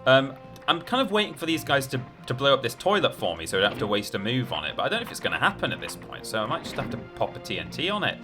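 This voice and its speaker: This streamer has a mid-range voice and sounds very animated, speaking very fast. He rambles through live gameplay commentary and casual chat with viewers, with game music playing behind him.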